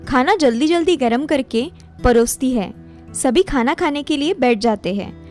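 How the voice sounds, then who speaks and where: Faint background music accompanies a woman narrating a scripted story in plain, straightforward sentences. She has a high, animated voice with a darkish tone and keeps a moderate pace.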